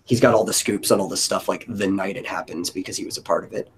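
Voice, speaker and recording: A man hosts a stream for brainstorming an audio drama, thinking aloud in casual, informal group chat. His voice sits low with fairly even intonation and a quick pace, and there is a little hiss or hum.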